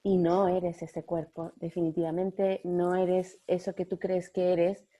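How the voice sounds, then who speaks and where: A middle-aged woman giving a gentle spiritual talk to a group, often checking in with her listeners. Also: lowish voice, little pitch movement. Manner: gentle, slow, with frequent "¿ya?" checks.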